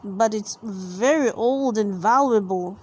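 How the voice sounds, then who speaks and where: Casting: woman playing a proud storybook dad pig, earnest, a touch pompous, unhurried. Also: mid-range voice, natural voice. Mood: defensive. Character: Daddy Pig, proud, put-upon father pig. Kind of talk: children's storybook read-aloud.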